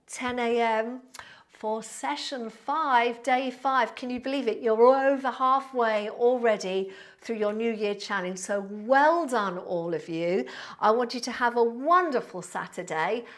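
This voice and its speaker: Her slightly high, fairly bright voice carries a friendly, rambling live-stream chat full of fillers. This sixty-year-old Pilates instructor reads viewer comments aloud and thanks each person by name.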